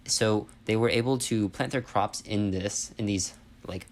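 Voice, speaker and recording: A man's voice: low-pitched, a little hiss or hum. A man giving an informal history lesson as an instructor, explaining things conversationally and often checking in with listeners.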